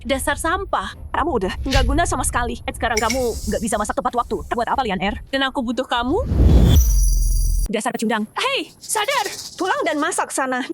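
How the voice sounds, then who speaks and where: A woman's voice: high-pitched, lively intonation, fairly quick. A woman playing a shrewish middle-aged mother-in-law in a dubbed fantasy drama, nagging and scornful. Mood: scornful, scolding. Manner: scolding, nagging. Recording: loud noise behind the voice.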